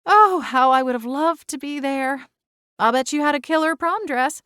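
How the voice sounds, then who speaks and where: Gentle girlish ghost friend, played by a female narrator, audiobook, dry recording. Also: high-pitched, normal speed, no echo, pitched above the performer's own voice. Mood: wistful, delighted. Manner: gentle, sighing, exclaiming. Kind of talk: audiobook character voice.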